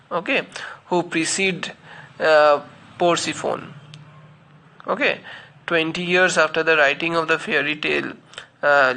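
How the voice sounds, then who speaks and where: A man's voice: fairly high pitch, vocal fry, sharp tone. A man giving a literature lecture, explaining step by step with many fillers and spelling out names letter by letter. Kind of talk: spoken lecture.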